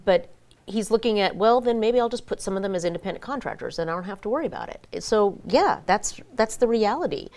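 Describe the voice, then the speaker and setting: A woman giving frank, opinionated commentary as a guest in a conversational interview. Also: on the low side. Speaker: interview guest, small business advocate.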